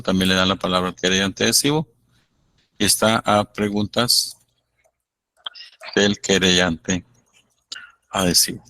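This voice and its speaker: A man lecturing law students, explaining slowly and acting out courtroom exchanges. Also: lowish voice, sharp tone, dry recording. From Guatemala. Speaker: law professor. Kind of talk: university lecture.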